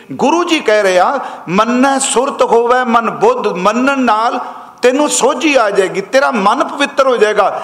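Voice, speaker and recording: A high-pitched male preacher works through scripture, drawing out the verses he quotes in a slow chant. His voice rings around a large hall with a long, echoing tail. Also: fairly bright tone. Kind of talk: sermon explaining scripture. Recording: echoey hall with long reverb.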